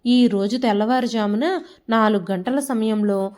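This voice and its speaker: A woman's voice: on the high side, measured pace, a little mellow, natural voice. A woman storyteller voicing a worried adult son, anxious and urgent. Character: worried adult son searching for his mother.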